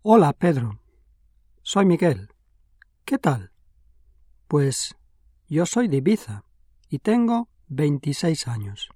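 Miguel, a relaxed, friendly young man in a language-exam dialogue. His voice is dark and a little husky, with a lively, rising and falling tone and an unhurried pace. It is a dry studio recording. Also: fairly high pitch, no room sound, exaggerated voice. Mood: easygoing.

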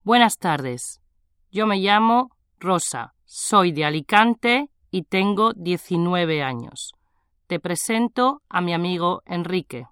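A woman's voice: on the low side, lively intonation, takes it slowly, a bit bright, smooth, dry recording, studio quality. A woman playing a cheerful nineteen-year-old in a scripted language-exam dialogue, carefully enunciating. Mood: friendly.

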